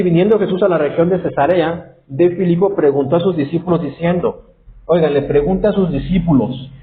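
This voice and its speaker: A man's voice: a little high, roomy sound, slight background noise. A man teaching a Bible lesson to his congregation, reading verses aloud and explaining them with questions to the listeners, often stopping for fillers and to correct himself. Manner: reads scripture aloud and explains it, asks the audience questions; frequent fillers and self-corrections. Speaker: preacher. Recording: tinny phone-like audio.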